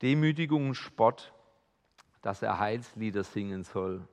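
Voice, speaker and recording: A man preaching a sermon as pastor, swinging between hushed, intimate passages and loud, emphatic appeals. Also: on the low side, lively intonation, measured pace, big-room sound.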